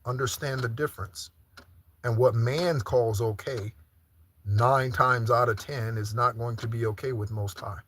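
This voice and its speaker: Man, preacher, informal live sermon, mid-pitched, repeated rhetorical questions, frequent check-ins, light background noise with ticks. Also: fairly even intonation, unhurried, fairly bright tone. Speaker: preacher leading an online Sunday service.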